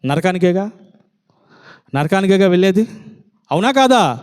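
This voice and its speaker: Man, preacher, fervent sermon, high-pitched, rhetorical challenges to the congregation. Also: expressive, unhurried, a little mellow, clean tone.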